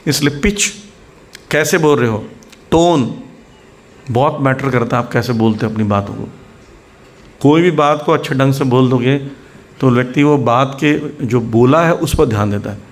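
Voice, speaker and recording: A man giving a devotional lecture as a spiritual teacher. He explains patiently, often checks in with his listeners, and acts out scolding and gentle voices in his examples. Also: medium pitch, moderate pace, long pauses.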